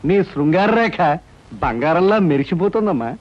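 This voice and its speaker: An actor playing a boastful fake palm-reading astrologer man in a film comedy, with flattering sing-song patter. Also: a little high, moderate pace, a little hiss or hum, close to an everyday voice. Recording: dull film soundtrack.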